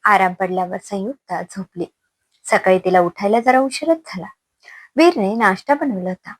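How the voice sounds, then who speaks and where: A woman reading a scripted story aloud in a steady, even narrating voice. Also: mid-range voice, moderate pace.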